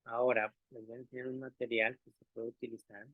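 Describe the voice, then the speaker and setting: A man's voice: medium pitch, level tone, a little fast, no room sound. Guy teaching other teachers, patient and explanatory, dry sound, tinny phone-ish audio. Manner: patient, explanatory, often asks for agreement and models sounds aloud. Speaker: language teacher presenting to teachers. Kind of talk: explanatory online talk.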